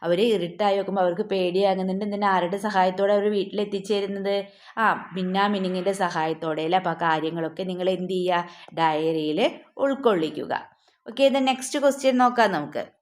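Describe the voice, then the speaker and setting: A woman's voice: mid-range voice, fairly even intonation, fairly quick. A woman teacher going through a school question paper for young children, asking coaxing questions, answering them herself, and mixing English words in. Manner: asks and then answers her own questions.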